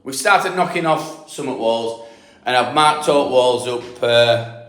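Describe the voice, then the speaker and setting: A middle-aged damp proofing specialist from Yorkshire, England, gives a casual walkthrough inside a house being stripped for damp work, rambling and explaining with plenty of fillers and restarts. His medium-pitched voice is slow and a bit bright, and the empty room echoes.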